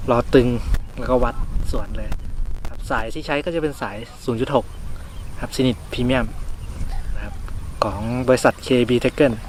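Casual male fishing vlogger, relaxed gear talk, outdoor pond with faint background noise. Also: medium pitch, normal speed, pauses often.

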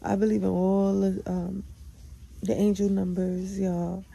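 A woman's voice: medium pitch, level tone, unhurried, creaky, warm tone, slightly rough, no echo, low-quality recording. A young woman hosting her own podcast, chatting casually and candidly about her day, swearing freely and hyping herself up. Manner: chatty, candid, profane, self-affirming. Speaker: podcast host. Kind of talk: casual solo vlog chat.

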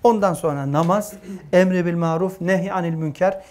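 A man's voice: high voice, fairly quick. Earnest male religious teacher lecturing youth. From Turkey. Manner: earnest, emphatic, rising to forceful stresses. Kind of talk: lecture to young people.

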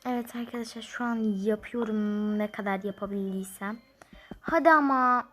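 A woman's voice: a little high, normal speed, a bit bright. A young woman playing a mobile number game, commenting casually and grumbling in frustration as she counts numbers aloud.

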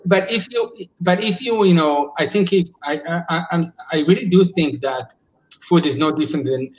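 A man's voice: a little high, normal speed, rough recording. Earnest man thinking aloud on a call. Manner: earnest, searching for words with many restarts. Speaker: psychologist. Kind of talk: casual video call discussion. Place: indoors at home. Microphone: laptop webcam on a video call.

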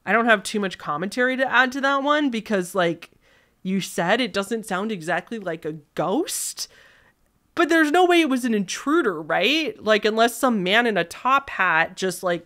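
A woman's voice: mid-range voice, fairly bright tone. A young woman hosting, reading viewer scary stories aloud and chatting casually between them.

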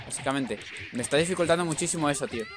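A man with a Spain Spanish accent giving excitable, teasing commentary over his own online fighting-game matches. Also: fairly high pitch, very fast, over music. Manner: excitable, teasing, frequent "tío". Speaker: gaming YouTuber. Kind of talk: live gameplay commentary.

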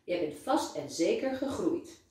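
A kind, joking male doctor from a children's storybook, teasing a little patient, as a woman reads him aloud. The delivery is slow and the tone mellow. It sounds distant from the mic, in a strongly echoing room. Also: fairly low pitch, sing-song. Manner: playful, teasing. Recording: very echoey room, voice far from mic.

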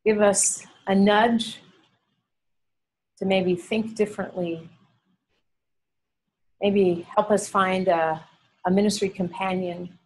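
Speaking slowly with long pauses, a middle-aged woman leads a seminary class through teaching and prayer in a big drop-ceilinged classroom. She's warm and animated, using her hands as she talks, and her medium-pitched voice has a breathy edge. The low-quality recording comes from a camera on the table beneath her.

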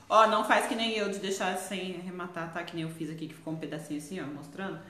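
A woman with a Brazilian Portuguese accent, teaching crochet on a live stream in her shop, chatty and quick to laugh. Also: lowish voice, fairly even intonation, a bit bright, echoey room. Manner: chatty, laughs often, exclaims "ai, gente".

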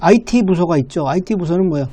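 A man who runs an English academy, teaching a listening lesson step by step and reading English lines slowly. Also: sits high, animated, warm tone.

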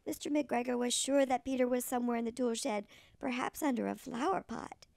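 A sweet older woman with a thin, creaky voice, reading a children's story expressively like a kindly storyteller. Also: fairly high pitch, fairly even intonation, brisk, a little mellow, no echo. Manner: sweet old lady.

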